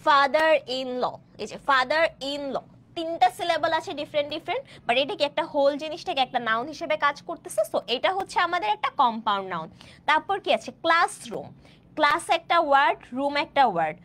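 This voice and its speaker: A woman in her twenties from Bangladesh, teaching an online English grammar class and often checking that students follow, with slow, drawn-out example sentences. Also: high voice, very animated, a bit bright. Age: 20s. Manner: keeps asking students questions to check understanding; stretches out example sentences slowly. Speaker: admission test English tutor.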